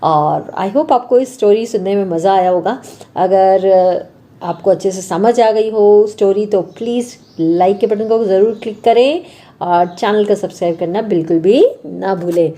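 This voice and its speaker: A woman's voice: mid-range voice, moderate pace, warm tone. A woman teacher patiently explaining an English textbook story for young children, asking and answering her own questions.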